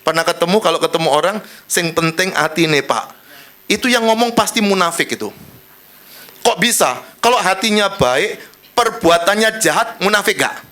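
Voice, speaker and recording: Male pastor, high bright voice, playful and dramatic delivery. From Indonesia. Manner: joking, dramatic sermon with sudden shifts in pace and loudness. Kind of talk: sermon.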